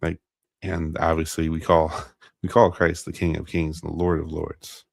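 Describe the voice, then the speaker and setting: An American man with a deep, even voice walks through a Bible passage for his stream. He pauses on fillers, restarts, and second-guesses how names are said. The sound is close and dead, with no room around it. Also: creaky, no echo. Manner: halting, many fillers and restarts, unsure of pronunciations. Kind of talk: casual Bible teaching and scripture reading.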